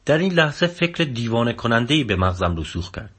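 A man with a husky, mid-range voice narrates a first-person story as an audiobook reader. His delivery is calm, measured and scripted.

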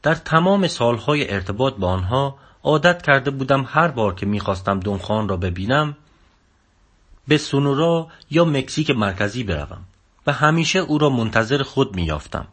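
Husky man narrating an audiobook calmly. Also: medium pitch. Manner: calm, measured storytelling. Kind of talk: scripted narration.

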